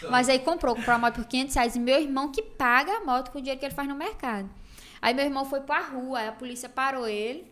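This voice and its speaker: High-voiced woman telling lively stories. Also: fast, a little hiss or hum. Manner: animated storytelling, acts out voices of family and police. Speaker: guest storyteller. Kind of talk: casual chat.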